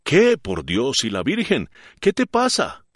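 A man voicing a kind, gentle young lady in an audiobook, speaking in a pleading, anxious way. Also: mid-range voice, wildly swooping pitch, slow pace, no echo, studio quality, voice pushed up, exaggerated voice. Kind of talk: audiobook character reading.

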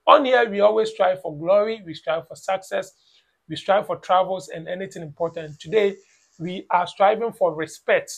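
A man in his thirties with a Ghanaian English accent makes an opinion reaction vlog for YouTube, speaking to camera in a small room at home. His high-pitched, creaky voice moves at a moderate pace as he lectures emphatically, repeats phrases, and mocks with "blah blah."

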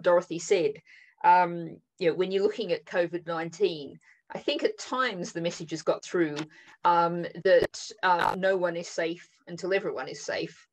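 A woman with a fairly low voice hosts a webinar panel over a video call. She introduces speakers and poses questions in a thoughtful, halting way, often pausing on "um" as she gathers her thoughts. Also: rough recording. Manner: thoughtful, halting, with frequent "um" fillers. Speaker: webinar moderator. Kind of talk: moderating an online panel.

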